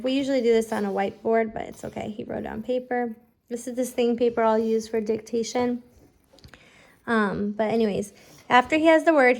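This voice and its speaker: A woman teaching a phonics lesson casually, giving slow school dictation with repeated words and prompts for a child. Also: fairly high pitch, creaky. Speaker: home phonics teacher, parent-style instructor.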